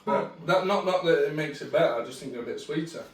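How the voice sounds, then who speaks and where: A Yorkshire man who talks bluntly and jokes around in broad dialect while tasting snacks. His voice sits a little high. He sounds echoey and a bit away from the mic, with faint room noise behind him. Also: fast talker, distant mic. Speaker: co-host of a cooking channel. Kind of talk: casual chat during a taste test.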